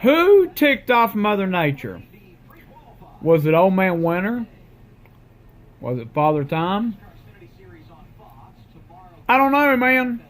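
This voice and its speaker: A man's voice: high voice, big pitch swings, takes it slowly, long pauses. Folksy rambling man. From West Virginia. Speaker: vlogger. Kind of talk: casual chat to camera.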